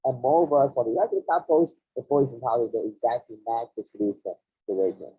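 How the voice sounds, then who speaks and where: A man giving a technical math lecture over a video call, his voice muffled as if heard through a wall, talking haltingly with many restarts and fillers. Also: medium pitch, lively intonation, slightly rough. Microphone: laptop microphone on a video call.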